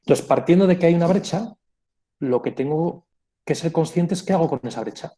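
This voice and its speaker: A man with a slightly high, warm voice speaks fairly quickly while giving a reflective pastoral talk at a conference. He explains ideas with asides and small self-corrections along the way.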